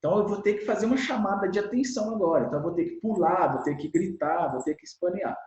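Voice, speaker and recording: A man with a Brazilian Portuguese accent, a children's educator being interviewed, explaining in an animated way and acting out the lines of parents and children. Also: sits high, quick pace, roomy sound, dull audio. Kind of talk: explanatory conversational talk.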